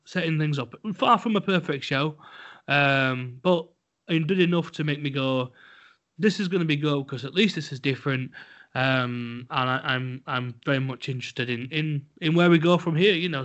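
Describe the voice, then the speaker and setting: A man with a somewhat high, slightly bright voice co-hosts a casual podcast at normal speed. His talk is blunt, a little crude and rambling, packed with fillers and restarts, captured in dull lo-fi audio.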